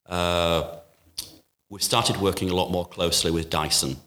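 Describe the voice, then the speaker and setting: A man running a kitchen appliance shop talks about his business in an interview. His voice sits very low and stays flat, and he speaks in a measured way with frequent "uh" fillers and restarts.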